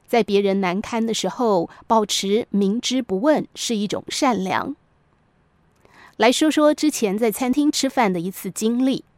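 A woman hosting a podcast, reading a scripted reflective essay in a measured, moralizing storyteller's manner. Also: mid-range voice, darkish tone, dry recording. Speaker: podcast host.

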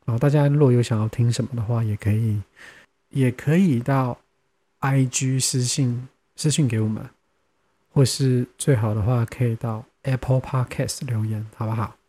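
A young man with a Taiwanese Mandarin accent and a dark, mid-range voice hosts a podcast, speaking at a moderate pace with fairly even intonation. He tells stories casually, laughs often, and acts out lines from his friends.

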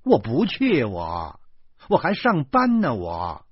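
A man reading a storybook, voicing an anxious, quick-tempered wife in a raised voice. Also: mid-range voice, wildly swooping pitch, breathy edge, no room sound, lo-fi sound, pitched above the performer's own voice, heavily acted. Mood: cross.

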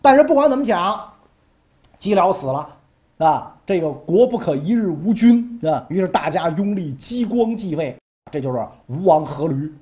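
Brief: woman storyteller, dark mellow voice, very lively, jokey asides. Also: on the low side, moderate pace. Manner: jokey, chatty asides to listeners. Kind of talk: colloquial history storytelling.

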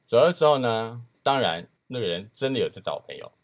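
A man's voice: medium pitch, expressive, fast. A man hosting a podcast, telling a crude story in a casual chat and acting out the people in it. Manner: crude, laughing, acts out quoted voices. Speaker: podcast host.

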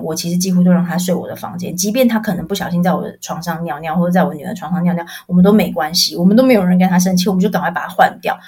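A woman telling a personal story on a podcast over an online call, halting, repeating words as she searches for them. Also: on the low side, darkish tone, husky. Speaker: podcast co-host.

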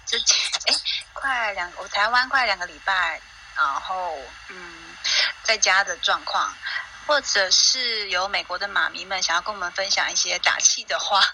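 A woman's voice: medium pitch, normal speed, bright, forceful tone, slight background noise, low-quality recording. A woman hosting a parenting chat, encouraging and inviting listeners to join in. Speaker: host.

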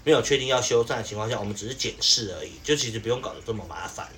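A man's voice: medium pitch, racing, fairly bright tone, a little hiss or hum. A young man, telling an exasperated work story in casual podcast chat, full of fillers. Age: young adult.

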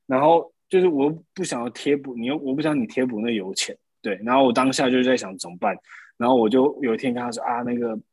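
A man, telling stories in a casual podcast chat, animated, laughing often. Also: medium pitch, quick pace, slightly rough, no echo. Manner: animated storytelling with frequent laughs. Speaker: podcast co-host.

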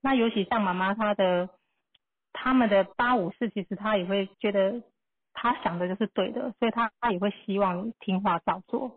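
A woman teaching numerology with a Taiwanese Mandarin accent. She explains things patiently and reassuringly in a husky voice. The sound is thin and narrow, as if it came over a phone line. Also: medium pitch, brisk. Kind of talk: advice on a live podcast.

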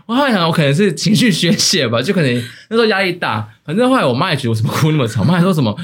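A young man with a Taiwanese Mandarin accent, co-hosting a casual podcast chat, rambling with many restarts and quick laughs. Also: on the high side, very animated, slightly rough. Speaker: podcast co-host.

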